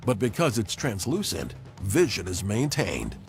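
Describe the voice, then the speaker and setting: A man reading scripted nature documentary narration with measured, dramatic phrasing. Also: fairly low pitch, huge pitch swings, vocal fry. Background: background music.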